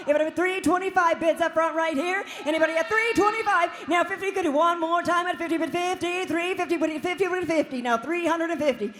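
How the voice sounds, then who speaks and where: Very high-pitched woman auctioneer chanting bids. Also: a bit bright. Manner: rapid-fire repeated numbers, projected and singsong. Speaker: auctioneer, championship finalist. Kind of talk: auctioneer's rhythmic bid-calling chant. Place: live contest stage before judges and audience.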